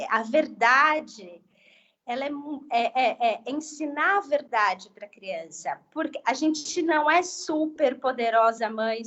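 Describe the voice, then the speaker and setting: High-voiced woman speech therapist explaining gently. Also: highs cut off. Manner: gentle explanatory tone, frequent tag questions. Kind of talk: live online health talk.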